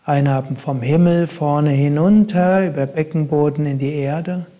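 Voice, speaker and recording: A man guiding a meditation in a calm, soft-spoken way, with long pauses between instructions. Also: fairly high pitch. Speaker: meditation guide.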